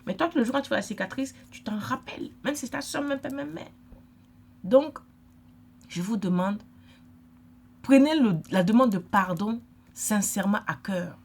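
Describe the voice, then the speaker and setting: A woman's voice: a little high, normal speed, creaky, pauses often, slightly rough. A middle-aged woman from Africa, giving an emphatic, lecturing vlog monologue and repeating her points. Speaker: vlogger.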